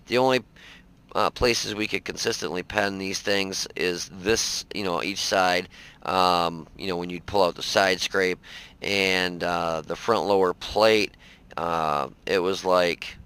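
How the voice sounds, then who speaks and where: Brief: tired man narrating game footage, deep gravelly voice, folksy and rambling. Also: sharp tone, low-quality recording. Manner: rambling, filler-heavy, folksy. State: tired, yawning. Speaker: game reviewer. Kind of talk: casual gameplay commentary.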